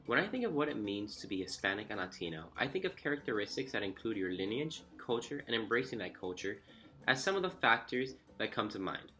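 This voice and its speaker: A man's voice: lowish voice, big pitch swings, fairly quick, pushed and bright. A young man from Miami reading an earnest, reflective personal story as scripted narration. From Miami, Florida. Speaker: student storyteller. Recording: faint music underneath.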